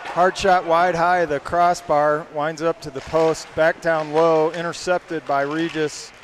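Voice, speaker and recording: A man calls a youth hockey game play by play, reeling off passes and shots at a brisk clip. His voice sits a little high for a man. A faint hum of the surroundings stays under him. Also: level tone. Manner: rapid play-by-play, names each pass. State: hiccups. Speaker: play-by-play commentator.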